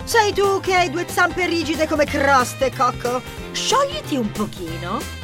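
A woman voicing a bossy, energetic female mouse dance teacher in a storybook, talking fast and pushy. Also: high voice, music in the background, full character voice. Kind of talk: audiobook character voice.

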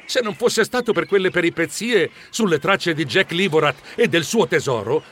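A man narrating a children's story in the first person, with animated, expressive delivery. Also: on the high side, moderate pace, slight background noise. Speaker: audiobook narrator.

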